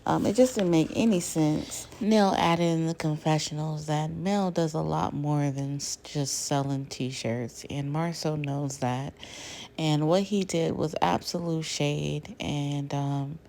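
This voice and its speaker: A woman's voice: deep voice, steady tone, slow, creaky, dark tone. A woman giving a casual, chatty commentary recap, full of fillers and quoted lines. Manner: chatty, many fillers, mimics cast members' quotes. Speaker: reality TV commentator.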